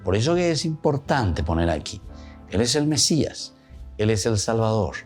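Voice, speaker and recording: A priest with a Paraguayan Spanish accent delivers a reflective homily in a deep, low, darkish voice that is sing-song at a normal speed. He keeps slipping between Spanish and Guaraní and circles back to repeat his points while faint music plays behind him.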